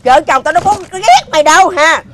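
A woman with a Southern Vietnamese accent playing a shrill, nagging foster mother who scolds a lazy boy and often shouts. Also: big pitch swings, a little fast. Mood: lecturing. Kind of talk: comedy sketch acting.

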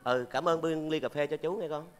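A man's voice: a little high, steady tone, brisk. A man playing a teasing, troublesome café customer in a comedy sketch. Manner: cheeky, teasing, with joking outbursts.

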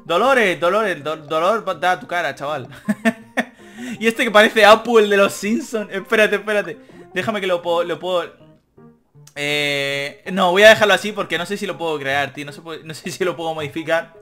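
A man's voice: sits high, moderate pace, sharp tone. A young man giving joking let's-play commentary, reading the game text aloud and swearing casually. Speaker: gaming YouTuber. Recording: faint game music behind.

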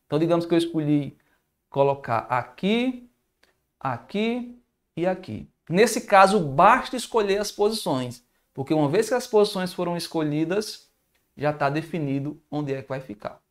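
A man's voice: on the high side, animated, moderate pace. Brazilian man teaching math live. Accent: Brazilian Portuguese. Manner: informal, thinks aloud, reads viewer comments. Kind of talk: live-streamed math review lesson.

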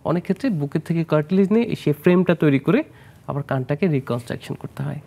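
A man's voice: a little high, expressive, fast talker, vocal fry, warm tone. Man, surgeon guest, explanatory, studio interview, english terms mixed in. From Bangladesh. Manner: explanatory, mixes English medical terms, asks host questions.

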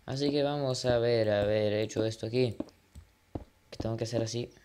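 A man giving casual gameplay commentary as a gaming channel host, excitable and jumping from mumbled asides to loud outbursts, sprinkling in English exclamations and swearing. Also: medium pitch, a little fast, noisy background.

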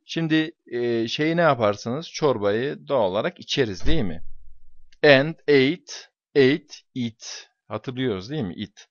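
An emphatic man teaches a class and walks through exam questions, hammering home key words by repeating them. His voice sits at a middle pitch. It sounds dull and lo-fi in a dry space with no room echo. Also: lively intonation, a little slow. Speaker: English teacher.

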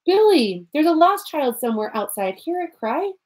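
A woman voicing a brisk, caring pioneer aunt with a motherly manner. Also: a little high, lively intonation, darkish tone, natural voice. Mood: urgent.

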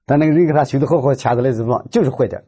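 A man's voice: medium pitch, very fast, mellow, husky. A man giving a storytelling Buddhist talk, animatedly acting out the dialogue of his stories. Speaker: lay Buddhist speaker.

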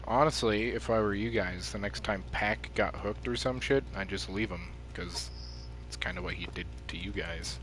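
A man's voice: lowish voice, moderate pace, a bit bright, slight background noise, rough recording. A man streaming a game, chatting casually with friends, joking and swearing as he plays. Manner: joking, swearing, playful trash talk. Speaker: gaming streamer. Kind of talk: casual gameplay chat.

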